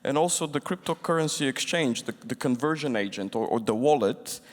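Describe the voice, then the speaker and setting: A man's voice: mid-range voice, expressive, brisk. A man from Bulgaria speaking on a conference panel, thoughtful, often restarting his sentences. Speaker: panelist, fintech executive. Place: large conference hall. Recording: long reverb of a conference hall.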